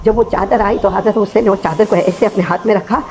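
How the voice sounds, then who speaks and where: A male preacher giving an emotional sermon, quizzing his listeners and rising to shouts. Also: high voice, steady tone. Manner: call-and-response with the crowd, rising to shouts.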